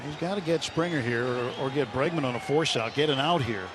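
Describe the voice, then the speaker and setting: A medium-pitched man calls the action briskly, offering clipped present-tense play-by-play of a baseball game for live radio from the stadium booth. The broadcast is noisy, with loud ballpark sound in the background.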